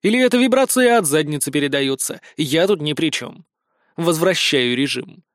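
A man's voice: fairly high pitch, lively intonation, normal speed, a bit bright, dry recording, studio quality. A man reading a first-person fantasy story in a wry, slangy, conversational manner. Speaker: audiobook narrator.

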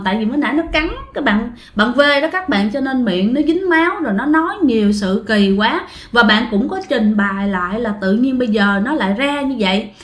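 Brief: chatty woman narrating a ghost story, high voice, echoey room. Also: fairly bright tone. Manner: chatty, addresses listeners directly.

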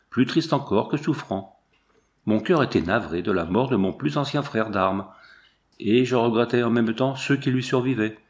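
A man narrating a war memoir in a measured, steady reading. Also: mid-range voice. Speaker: audiobook narrator.

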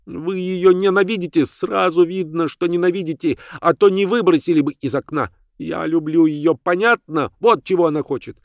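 A man's voice: moderate pace, few pauses, no echo, close to an everyday voice. A man doing a defiant ragged little girl. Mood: shrill, stubborn. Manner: shrill, stubborn, cheeky. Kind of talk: audiobook character voice.

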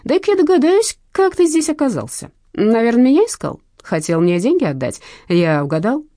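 In an audiobook, a hoarse, mocking male gangster threatens and sneers with a lively, swinging delivery, as a woman reader puts him on. The sound is warm and dry, close to the mic. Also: on the low side, moderate pace, no echo. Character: menacing male gangster loan shark, mocking. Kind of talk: audiobook character voice.

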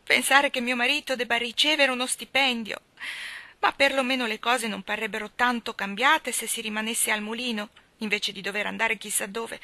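A woman's voice: a little high, bright, forceful tone, no room sound, pitched above the performer's own voice. A woman reading an audiobook, voicing a fretful middle-aged miller's wife who rambles and pleads anxiously.

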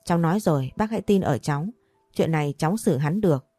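Woman as polite young man, deferential, low mellow voice, dry close sound. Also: animated, fast talker, husky, no room sound, soft background music. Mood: pleading.

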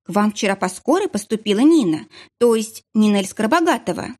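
A woman's voice: medium pitch, expressive, a little fast, darkish tone, lightly acted. A woman voicing an anxious, determined middle-aged woman who talks in an urgent, flustered way.

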